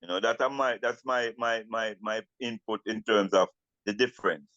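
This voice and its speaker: An older man with a Jamaican accent speaks as a Rastafari elder in an interview, using Rasta speech and patois, deliberate and often repeating his words. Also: fairly low pitch, fairly bright tone, no room sound, muffled recording. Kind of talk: reflective interview talk.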